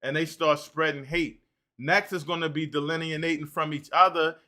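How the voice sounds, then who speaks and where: A man hosting a livestream, reading out and answering chat comments in an animated way. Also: fairly high pitch, normal speed. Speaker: livestream host.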